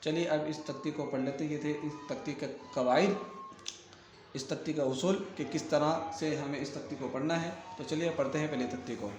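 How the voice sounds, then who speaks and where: A man's voice: a little high, roomy sound. A man teaching Quran reading in a recorded lesson, patiently repeating letter names and checking in with learners. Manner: stretches letter sounds long when reciting.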